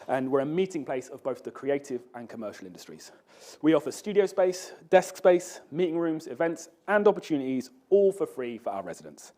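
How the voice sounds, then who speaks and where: Mellow-voiced man hosting a talk. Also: a little high. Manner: reads housekeeping notices with fillers. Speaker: studio host introducing speaker. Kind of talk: event introduction.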